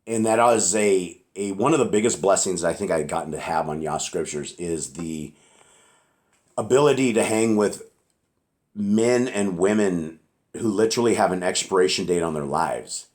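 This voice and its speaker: A man with a raspy voice teaching scripture in a casual, rambling, earnest way, often checking in with "right?". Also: deep voice, moderate pace, a little mellow.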